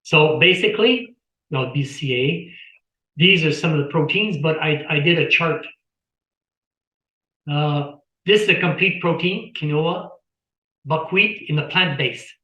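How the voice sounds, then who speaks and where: A man's voice: fairly high pitch, unhurried, long pauses, pushed and bright, echoey room, low-quality recording. A man chatting as an interview guest on a video call, rambling, repeating words and telling anecdotes. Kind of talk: casual explanatory talk.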